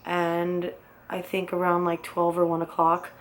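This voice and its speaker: A woman's voice: lowish voice, completely flat delivery, unhurried. A young woman casually telling her own story in a rambling, blunt way, swearing often.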